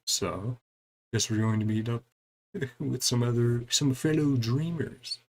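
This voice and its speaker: A gaming streamer doing a playthrough gives laid-back commentary in a mid-range, darkish voice at a measured pace. He reads the game's dialogue aloud and adds wry, chuckling reactions.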